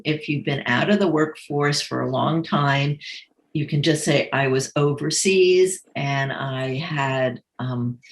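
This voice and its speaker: A woman with a New York accent, a career coach answering questions in a relaxed, conversational way with frequent ums. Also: low voice, echoey room. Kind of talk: live Q&A advice session.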